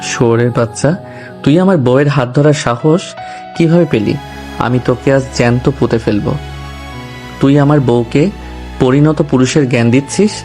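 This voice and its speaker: A man's voice: mid-range voice, moderate pace, long pauses, lightly acted. Man playing a possessive young husband. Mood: furious. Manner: intense, threatening. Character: possessive hot-tempered young husband, nineteen. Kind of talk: audio drama acting. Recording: soft background music.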